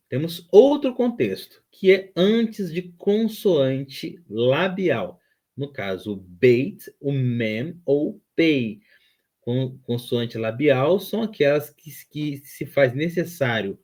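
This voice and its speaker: Slow, patient male teacher. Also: a little high, darkish tone, breathy edge. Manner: explains slowly, repeats terms, frequent "tá?" checks. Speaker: Hebrew teacher. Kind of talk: online grammar lesson.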